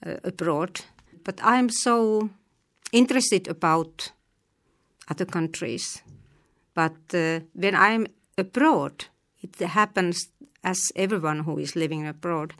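A middle-aged woman from eastern Finland with a Finnish accent, a language teacher answering interview questions thoughtfully, with many pauses and restarts. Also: fairly low pitch, a bit bright, smooth.

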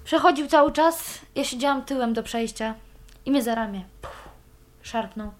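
A woman's voice: sits high, normal speed. A young woman giving a candid personal account, cursing freely as she talks. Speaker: interviewee.

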